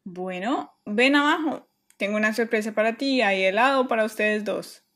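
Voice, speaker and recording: A woman's voice: mid-range voice, normal speed, a bit bright, close to an everyday voice. A woman voicing a tired, scolding mother in a children's toy play story. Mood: cheerful. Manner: weary scolding.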